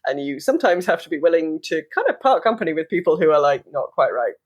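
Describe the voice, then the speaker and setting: A man hosting a casual podcast interview in a high voice. He agrees readily and stumbles through fillers as he looks for his next question. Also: very animated, quick pace. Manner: warmly agreeing, hesitant with fillers.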